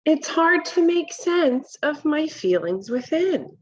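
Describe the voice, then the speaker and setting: In a home kitchen, a woman with a higher-pitched, sing-song voice reads a children's picture book aloud slowly, adding commentary. Deliberate and instructional, she asks the listener questions; the audio's highs are cut off.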